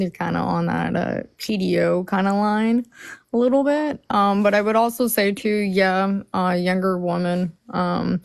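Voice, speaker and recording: A woman calls into a livestream panel and talks hesitantly, stopping often on "um" as she gives her view. Her voice has a strong gravelly fry, at a middle pitch. The sound is dry and close. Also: dry recording. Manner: hesitant, many "um"s. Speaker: panel caller. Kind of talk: casual livestream chat.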